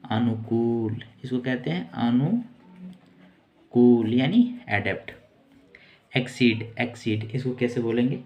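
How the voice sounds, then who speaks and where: A man teaching English vocabulary in a casual, repetitive way, saying each word slowly and repeating it. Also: mid-range voice, animated, darkish tone. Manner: slow, repetitive word-by-word explaining.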